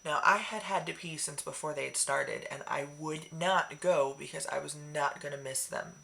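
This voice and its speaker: A woman vlogger chatting casually in a rambling, excitable way with many fillers. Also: low voice, normal speed, vocal fry, a little hiss or hum. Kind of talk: casual chat.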